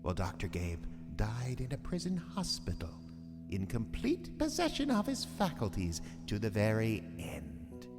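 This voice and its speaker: In a long, cavernous reverb over music, a ghoulish warlock horror host for a radio play. His delivery is slow and sardonic, savoring every grisly phrase with gleeful menace and wild swoops in pitch. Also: wildly swooping pitch. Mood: sardonic relish. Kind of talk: theatrical horror radio narration.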